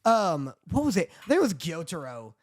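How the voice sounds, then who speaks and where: A man co-hosting a podcast, excitable in casual chat, laughing often and swearing. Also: fairly high pitch, normal speed. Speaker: podcast co-host.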